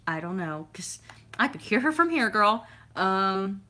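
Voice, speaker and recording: Bright-voiced young woman chatting on a livestream. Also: mid-range voice, very animated, measured pace. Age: 20s. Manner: chatty and rambling, full of fillers and playful sound effects. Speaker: YouTuber reading live chat. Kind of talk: casual livestream chat.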